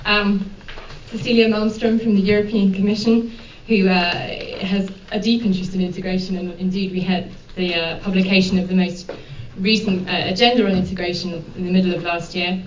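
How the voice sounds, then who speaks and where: A woman moderating a panel, giving a formal introduction in a measured way with frequent ums and uhs. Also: mid-range voice, flat delivery, a little hiss or hum. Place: conference room. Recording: dull, echoey hall from far off.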